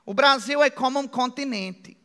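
A middle-aged man with an American accent, preaching a sermon as pastor in a joking, conversational way with drawn-out phrases. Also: very high voice, pushed and bright. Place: church hall. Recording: long hall reverb.

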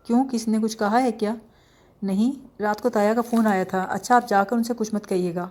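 Woman doing a young woman in a storybook, earnest and pleading, flat soft tone. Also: mid-range voice, lightly acted. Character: young woman, anxious but quick-witted.

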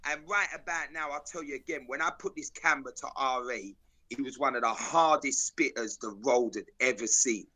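A man's voice: mid-range voice, moderate pace, bright, forceful tone, breathy edge. A man with a South London accent, telling stories in street slang in an emphatic, declarative, repetitive way. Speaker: interview guest, videographer.

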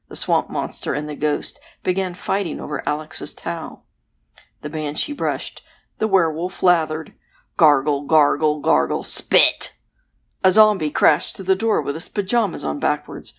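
A woman host narrating a bedtime story in a soft, gentle, unhurried way. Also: low voice, creaky.

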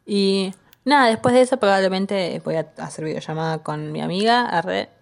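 A woman's voice: medium pitch, normal speed, creaky. A young woman with a Rioplatense Spanish accent, co-hosting a casual chat with lots of fillers. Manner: chatty, laughing, many fillers. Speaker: podcast co-host.

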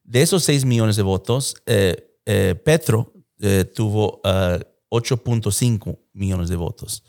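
A man's voice: fairly low pitch, a little slow, vocal fry, a little mellow. A man giving conversational political analysis in Spanish with occasional English filler words, in a Spanglish manner.

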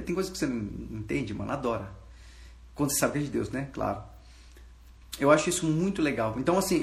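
A man's voice: on the high side, roomy sound. A man with a Brazilian Portuguese accent, a pastor giving an informal sermon, preaching in a casual, slangy way and talking straight to his listeners.

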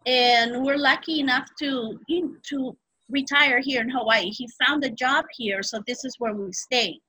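High, bright older woman. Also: steady tone, measured pace, breathy edge, poor audio. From raised in Peru. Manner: cheerful, brief answers. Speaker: guest. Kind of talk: casual interview.

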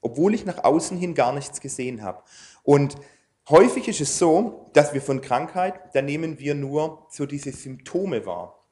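A man's voice: a little high, expressive, moderate pace, darkish tone. Man giving a chatty, informal sermon. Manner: informal, with frequent "ja" and hesitant fillers; speaks to an audience using slides. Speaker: preacher. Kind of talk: conversational sermon.

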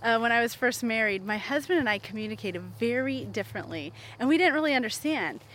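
A woman in her forties hosts her podcast as a therapist, talking in a chatty, animated way and laughing often. Her voice sits a little high. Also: brisk, a little hiss or hum. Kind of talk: casual podcast monologue.

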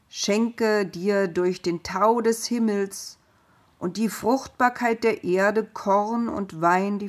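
A solemn old patriarch, put on by a woman storyteller. He speaks slowly in an audio story, each word weighed like a blessing. The voice stays husky and restrained. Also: medium pitch, a little mellow, pitched above the performer's own voice, lightly acted. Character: old blind patriarch father, solemn then distraught.

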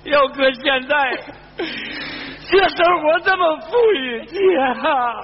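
An actor playing a hot-tempered rural uncle, wailing and gruff in a live stage comedy skit. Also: male voice, very high voice, brisk, a faint crowd, a little hiss or hum. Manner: wailing and loud in grief, gruff when scolding. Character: hot-tempered rural man, an uncle in his middle years. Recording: muffled stage recording with audience.

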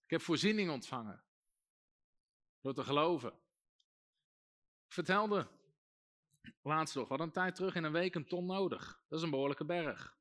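A man's voice: a little high, moderate pace, long pauses, fairly bright tone. A man, a pastor, preaching a sermon and calling out to his congregation. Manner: preaching with rising emphasis and calls to the congregation.

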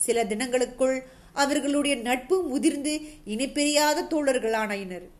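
A woman reading a novel aloud as a narrator, in a steady storytelling manner with occasional restarts. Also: sits high, moderate pace.

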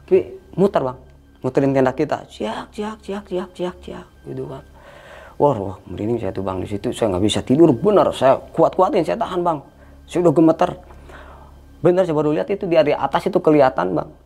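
A man's voice: a little high, animated, quick pace, gravelly, mellow. A man casually recounting a frightening hiking experience, tensely imitating the eerie sounds he heard. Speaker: hiker telling a story. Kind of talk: casual storytelling.

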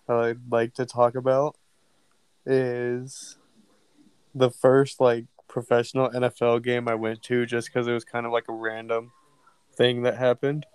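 A man on a podcast recalling a memory in a halting, casual way, with many fillers. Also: medium pitch, darkish tone, clear, resonant tone, no echo. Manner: hesitant, lots of ums and likes. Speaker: podcast co-host. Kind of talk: casual storytelling.

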